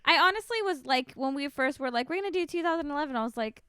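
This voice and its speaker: Mid-twenties woman cohost, teasing, trails off quiet, dry sound. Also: high-pitched, animated, quick pace, no echo. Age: 20s. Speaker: podcast co-host. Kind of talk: casual chat.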